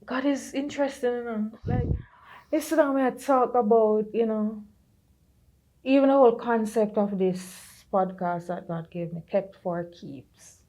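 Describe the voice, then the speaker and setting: Jamaican woman, middle-aged, warm low-brightness tone; earnest testimony with vivid patois asides. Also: a little slow. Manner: earnest, moves into patois and lively quoted voices. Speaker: podcast creator sharing her story. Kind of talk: personal testimony in conversation.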